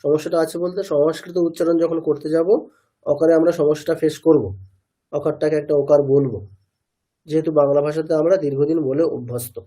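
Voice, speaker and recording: A man with a Bengali accent teaches a class in a patient, explanatory way and repeats each example. His voice sits on the high side and sounds warm and mellow. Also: steady tone, a little fast, husky. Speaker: Sanskrit chanting teacher. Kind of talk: classroom lesson.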